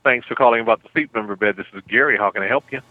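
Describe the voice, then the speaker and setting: A man working as a phone sales representative, speaking politely and somewhat haltingly over a telephone line. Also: medium pitch, very noisy. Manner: polite, stammering, calls the caller ma'am. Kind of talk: customer service phone conversation. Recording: thin, dull telephone line.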